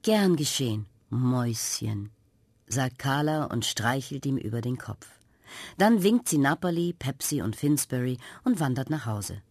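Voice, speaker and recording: A woman narrating a children's radio story, with a gentle, expressive way of telling it. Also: a bass voice, normal speed, no echo.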